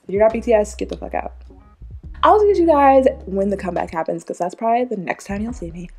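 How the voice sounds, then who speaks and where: A woman giving an excited reaction vlog, gushing and chatty, full of "like" and laughs, swearing freely. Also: mid-range voice, quick pace, husky, soft background music. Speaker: reaction vlogger. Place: home room.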